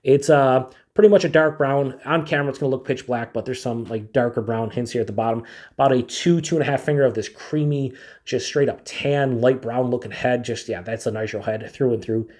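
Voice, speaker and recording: Stuffed up with a head cold, a man gives a laid-back, rambling beer review to camera, packed with fillers. His voice is medium-pitched and darkish, and he talks a little fast.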